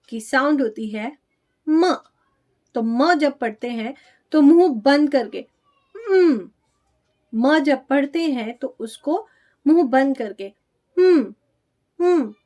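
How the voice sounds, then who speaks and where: High-voiced woman teaching phonics slowly. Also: darkish tone. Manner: slow, drawn-out demonstration of letter sounds. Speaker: pre-primary teacher. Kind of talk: phonics lesson for parents.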